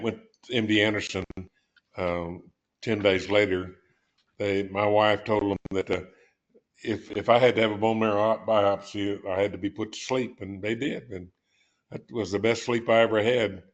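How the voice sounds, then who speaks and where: An older man telling a story slowly in a support group over a video call, halting, with many fillers. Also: on the low side. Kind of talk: casual storytelling.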